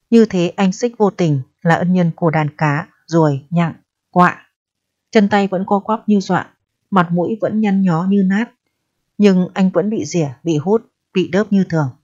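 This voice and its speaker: Brief: female narrator for a literary story reading, low and calm, muffled lo-fi recording. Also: no room sound. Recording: dry, dull lo-fi recording.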